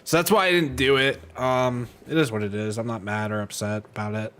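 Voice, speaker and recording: A man's voice: mid-range voice, fairly even intonation, brisk, fairly bright tone, smooth. A man hosting a podcast in a casual, hesitant, self-critical way. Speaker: podcast host. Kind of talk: casual chat.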